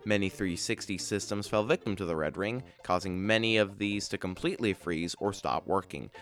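A man hosting a podcast, reading scripted explainer narration about video game trivia in a dry, matter-of-fact way. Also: sits low. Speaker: podcast host.

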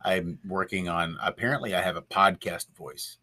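A man's voice: low voice, normal speed, bright, forceful tone. A man co-hosting a podcast in casual chat, rambling with fillers and chuckles. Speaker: podcast co-host.

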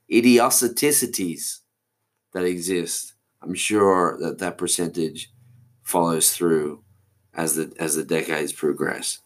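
Slow, deep-voiced man musing aloud. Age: 40s. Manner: musing, meandering, loses his thread. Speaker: podcast host. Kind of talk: solo rambling monologue.

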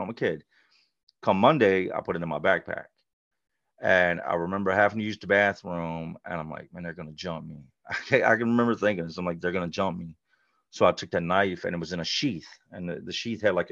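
A man's voice: deep voice, vocal fry, dry recording. A middle-aged man from North Carolina, telling his life story as a podcast guest in a blunt, conversational way, full of "like" and "you know". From North Carolina, USA. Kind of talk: candid personal storytelling. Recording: dull, lo-fi dry sound.

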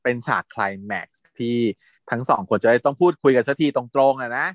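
A man's voice: mid-range voice, a little fast, dry recording. A man in casual chat who animatedly retells a TV series, laughing often and acting out quotes.

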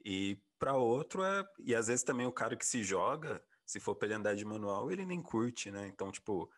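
A man's voice: lowish voice, very animated, a little fast. A man interviewing a skater in an easygoing, slangy way. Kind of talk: casual interview chat.

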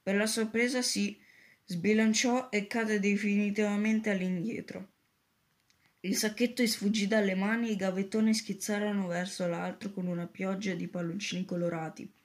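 A woman narrating a story aloud in a steady reading voice, with occasional slips and restarts. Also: mid-range voice, moderate pace.

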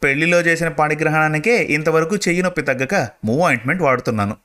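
A man's voice: a little high, fast talker, pushed and bright, pitched above the performer's own voice. A man voicing a retired older husband who grumbles and teases his wife sarcastically. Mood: teasing. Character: retired older husband, grumpy yet teasing.

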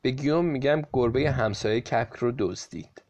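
A greedy peasant wife who talks herself into mischief, musing slyly aloud, as a male storyteller voices her. Her voice is at a middling pitch. The sound is slightly muffled and lo-fi. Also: darkish tone, lightly acted. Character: greedy peasant wife, sly and self-justifying.

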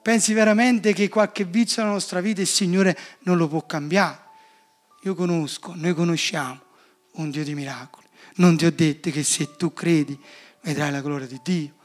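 A man with a high-pitched voice preaching an impassioned sermon. He pleads with the congregation and comes back to the same refrains again and again. Soft music plays faintly underneath. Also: fairly even intonation, normal speed. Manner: impassioned preaching with repeated refrains and calls to the listener. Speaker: pastor.

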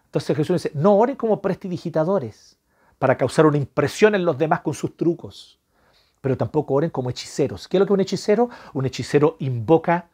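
A husky-voiced man with a Chilean accent delivers a sermon. His pitch sits a little high for a man. He leans hard into key words, then sinks into hushed, whispered lines. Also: lively intonation, brisk. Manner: dramatic swings from loud emphasis to hushed whispers. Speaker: preacher.

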